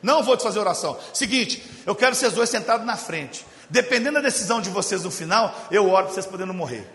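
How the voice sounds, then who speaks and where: Humorous Brazilian preacher in echoey hall. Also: male voice, sits high, lively intonation, quick pace. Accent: Brazilian Portuguese. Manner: storytelling, jokes with the congregation, shifts from loud to hushed. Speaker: pastor. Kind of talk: humorous sermon. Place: church hall.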